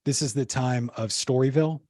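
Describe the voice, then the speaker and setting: A man appears as a podcast guest, telling history in loose conversational storytelling full of fillers and restarts. His medium-pitched voice is a little mellow and a little fast, captured with studio quality and no room sound.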